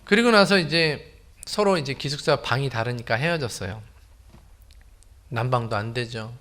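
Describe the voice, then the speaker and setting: A man preaching a Sunday sermon as a pastor, telling a personal story softly and then building to loud, emphatic declarations. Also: mid-range voice, normal speed.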